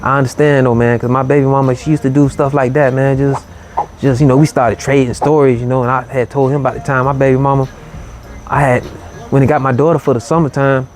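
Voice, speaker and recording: A man hosting a late-night show, telling a story in a relaxed, easygoing way, with lots of "you know" and "man". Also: medium pitch, fast talker. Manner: laid-back, drawling, full of "you know" and "man". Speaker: host.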